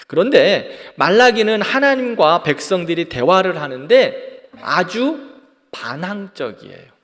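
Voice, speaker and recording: A man leads a church Bible class, his slightly high voice swinging widely as he leads group readings. He acts out quoted retorts in the middle of his teaching. The room rings with a long church-hall reverb.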